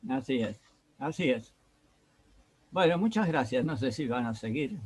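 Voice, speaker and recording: A woman's voice: rumbling low, lively intonation, unhurried, darkish tone, husky. A woman co-hosting a dialogue series, talking casually with short, affirming replies. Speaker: co-host, moderator. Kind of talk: casual conversation.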